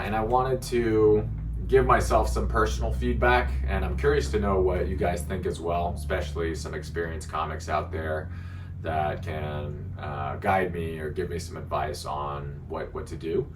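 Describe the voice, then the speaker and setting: A man with a deep, resonant, articulate voice chatting casually to viewers in a reflective self-critique, halting as he thinks aloud. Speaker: beginner stand-up comedian. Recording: distant mic, faint background noise.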